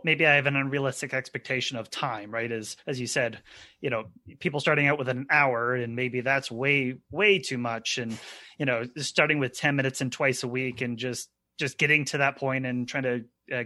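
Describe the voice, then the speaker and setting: A man's voice: medium pitch, sharp tone. A man hosting a podcast, asking long questions with many restarts and repeated words. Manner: halting, repeats words while framing questions. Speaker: podcast host. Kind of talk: podcast interview.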